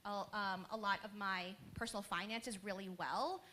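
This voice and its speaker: Bright, lively woman in her thirties. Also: medium pitch, moderate pace, slight background noise. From Queens, New York. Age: 30s. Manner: lively, laughing, storytelling. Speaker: panelist, business owner. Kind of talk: panel talk to a live audience.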